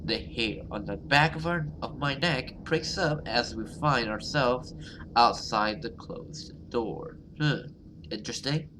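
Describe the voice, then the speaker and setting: A gaming YouTuber plays a visual novel, offering casual, hesitant let's play commentary while reading the story aloud and swearing now and then. His mid-range voice is slow, and game music plays behind him amid a noisy background.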